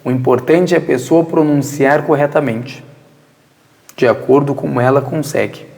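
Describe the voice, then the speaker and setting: A man's voice: mid-range voice, normal speed, creaky, a little mellow, in a large hall. A man from Brazil with a Brazilian Portuguese accent giving an informal religious lesson, answering listeners' questions and often posing rhetorical questions that he answers himself. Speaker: religious teacher. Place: mosque prayer hall.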